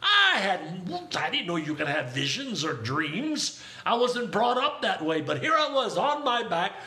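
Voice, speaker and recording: High, lively, exuberant older male preacher. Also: a little slow. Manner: exuberant, calls out hallelujahs and praise; breaks into speaking in tongues. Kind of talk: Pentecostal sermon.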